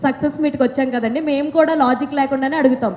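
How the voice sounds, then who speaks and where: A woman's voice: high-pitched, fairly even intonation, racing, darkish tone, big-room sound. A woman, an entertainment reporter, pressing an actor with insistent questions. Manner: pushy, insistent.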